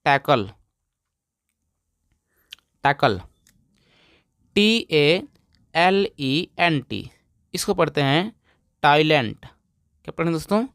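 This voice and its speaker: Guy teaching english reading, spells letters one by one, repeats words, crisp and dry. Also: fairly high pitch, takes it slowly, long pauses, a bit bright, no room sound. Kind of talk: phonics lesson.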